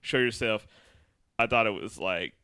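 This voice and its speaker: A man's voice: lowish voice, unhurried, bright, forceful tone, smooth, no echo, clean studio sound. A man co-hosting a podcast, chatting casually and rambling with lots of fillers and laughs. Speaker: podcast co-host. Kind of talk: casual chat.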